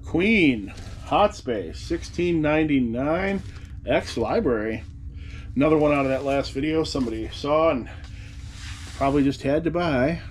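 Seated behind his desk in a cluttered space, a reseller vlogger in his forties speaks casually into the camera before him. His slightly high voice is lively in intonation and unhurried, over slight background noise, and he rambles with wry, chatty digressions.

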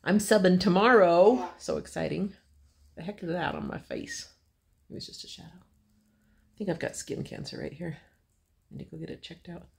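A woman in her fifties chatting to a phone camera at home while babysitting, doting and quick to laugh. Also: lowish voice, gravelly. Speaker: grandmother vlogger. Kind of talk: casual chat to camera.

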